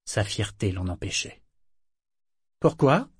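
A man narrating an audiobook novel in a measured, even storytelling manner. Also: medium pitch, husky, no room sound, studio quality. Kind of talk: scripted narration.

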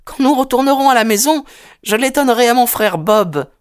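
A woman's voice: on the high side, animated, a little fast, natural voice. A woman voicing a small, innocent girl lost in the desert, chattering eagerly and asking question after question in an audiobook. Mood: delighted.

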